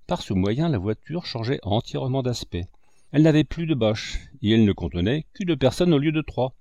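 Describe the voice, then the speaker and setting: A male narrator reads a classic novel aloud with expressive phrasing. His mid-pitched voice moves up and down a lot. The recording is close and dry. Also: brisk, no room sound. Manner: expressive, with a wide pitch range. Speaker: audiobook narrator. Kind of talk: literary audiobook narration.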